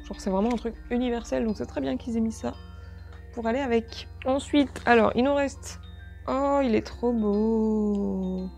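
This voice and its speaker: Woman unboxing vlogger: casual, easily thrilled, fry in the voice. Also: a little high, fairly even intonation, normal speed, darkish tone, soft background music. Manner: chatty, easily delighted, gushing over small items.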